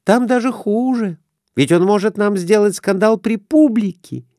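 A man's voice: high-pitched, a little slow, mellow, no echo, clean studio sound, pitched above the performer's own voice. A man voicing an anxious middle-aged wife, worried and fussing.

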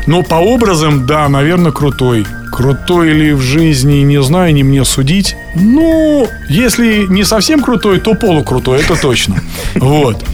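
A man's voice: a little high, sing-song, a little slow, over music. Joking, rambling man in his fifties. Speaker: actor guest on a radio show. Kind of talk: casual radio interview chat. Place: radio studio.

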